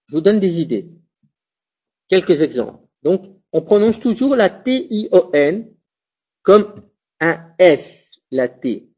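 A husky, slightly breathy teacher talks at an unhurried pace through a pronunciation lesson, spelling letters and checking in after each point. The pitch moves around a lot. The recording sounds dull and lo-fi. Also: a little mellow. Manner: repeats example words slowly, self-corrects.

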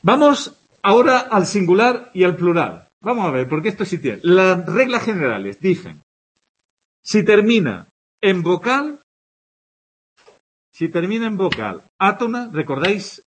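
A man's voice: sits high, breathy edge. A man from Spain teaching a grammar lesson to a class, giving examples one after another and checking in with his students as he goes. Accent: Spanish from Spain. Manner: explains with examples, checks in with "¿de acuerdo?". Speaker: Spanish teacher.

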